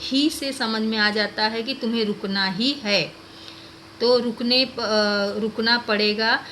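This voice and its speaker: A woman's voice: fairly high pitch, fairly even intonation, slow, pushed and bright, a little hiss or hum. A woman teacher giving a grammar lesson to children, explaining patiently and asking them questions.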